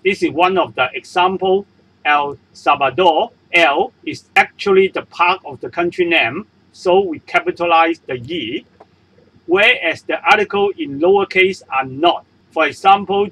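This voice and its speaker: A Spanish teacher who speaks Cantonese as his first language and has a Hong Kong accent narrates a beginner's lesson over screen-recorded slides, slowly and deliberately. His slightly high, husky, a bit bright voice patiently repeats each example and its translation, though the recording quality is low.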